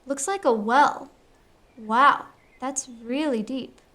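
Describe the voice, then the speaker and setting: Actress as girl, sensible exasperated older sister, family drama; high-pitched, bright delivery. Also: slow pace, full character voice. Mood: impatient. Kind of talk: acted family film dialogue.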